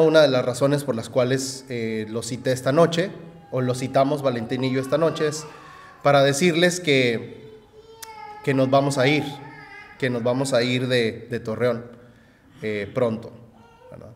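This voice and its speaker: A man, preaching a sermon in a conversational way, often adding "¿verdad?" and pausing on fillers. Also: mid-range voice, big-room sound, slight background noise. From Mexico. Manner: conversational, frequent "¿verdad?" tags and hesitations. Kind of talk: sermon with personal story.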